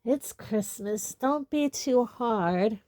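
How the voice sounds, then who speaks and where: A woman's voice: medium pitch, measured pace, mellow, no echo, clean studio sound, natural voice. A woman voicing a genial, tipsy older male professor. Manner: genial, hiccuping.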